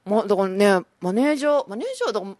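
A woman's voice: mid-range voice, lively intonation, rapid-fire, a little mellow, dry recording. A woman, co-hosting a radio show and telling stories in casual chat. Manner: chatty, storytelling, laughs easily.

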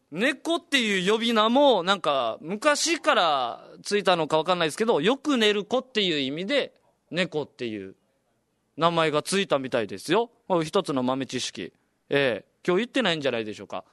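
Lively high-voiced Okinawan man. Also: no echo, clean studio sound. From Okinawa, Japan. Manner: animated, chatty, laughs while telling stories. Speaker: comedian and radio host. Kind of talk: casual storytelling chat.

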